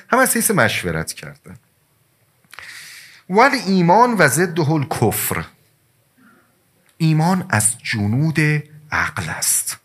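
A man preaching a sermon, telling stories with sudden rises and drops in pitch and loudness, and speaking directly to his listeners as dear ones.

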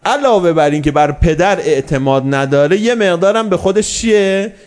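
A man delivers a sermon, telling a story with lively energy and asking rhetorical questions that he then answers himself. His voice is high.

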